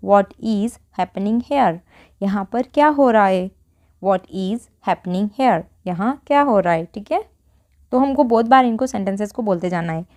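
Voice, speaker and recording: A young woman teaching spoken English, who explains grammar step by step and repeats each English sentence slowly. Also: fairly high pitch, a little mellow.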